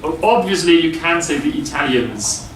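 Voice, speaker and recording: A man teaching English grammar to a class, explaining slowly with many pauses and fillers. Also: on the high side, lively intonation, slight background noise. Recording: echoey classroom from far off.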